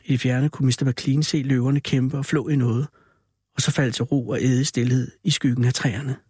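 A man's voice: medium pitch, steady tone, darkish tone, husky, dry recording, clean studio sound, natural voice. A man voicing a male ape who tells a spooky story with dramatic, theatrical reading.

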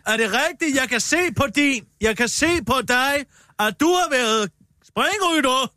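A man's voice: sharp tone, dry recording, clean studio sound. Man playing a pompous horsey know-it-all lady. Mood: bossy. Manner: bossy, lecturing, swooping pitch. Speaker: co-host. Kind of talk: improvised comedy podcast banter.

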